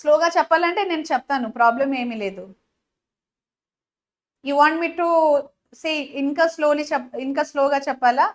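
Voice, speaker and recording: A woman's voice: sits high, normal speed, pauses often. A woman with a Telugu accent teaching a live online biology class, mixing English with Telugu and often saying "okay" and "uh". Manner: mixes English and Telugu, repeats 'okay', frequent 'uh' fillers.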